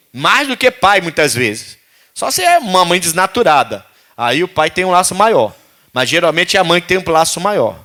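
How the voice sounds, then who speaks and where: A male pastor preaching with a high, bright voice. He throws out questions to the congregation and slips into the cries of the people in his story. His sermon swings between loud calls and quiet asides.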